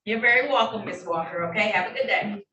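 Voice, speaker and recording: Speaking fast in a medium-pitched voice that sounds pushed and bright, a woman judge presides over traffic court hearings. She reads charges and rulings formally but in a friendly way. The courtroom recording has a roomy, distant quality and faint noise.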